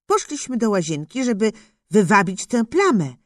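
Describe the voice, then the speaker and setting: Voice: medium pitch, sing-song, normal speed, dry recording, clean studio sound. A narrator reading a children's story in the first person as a young boy, telling it expressively. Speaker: audiobook narrator.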